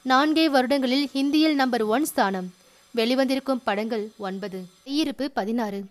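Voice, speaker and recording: High-voiced woman reading a crime novel. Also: moderate pace, no echo. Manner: steady storytelling, voices the characters. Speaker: audiobook narrator. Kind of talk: audio novel narration.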